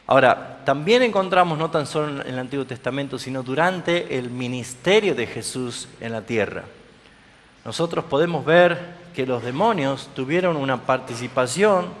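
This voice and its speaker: Emphatic preacher in an echoey church. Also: male voice, mid-range voice, fairly bright tone. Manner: emphatic, rising and falling with frequent questions to the congregation. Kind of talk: sermon.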